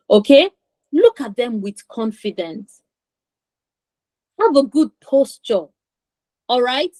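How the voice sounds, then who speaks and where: Woman, teen confidence coach, higher voice, emphatic and repetitive, dry sound. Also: no echo. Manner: repeats for emphasis, acts out kids' voices. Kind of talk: online class teaching.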